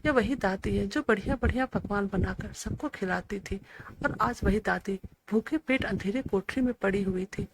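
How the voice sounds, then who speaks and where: A woman narrating a scripted, emotional family story in a steady reading voice. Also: medium pitch, moderate pace, noisy background.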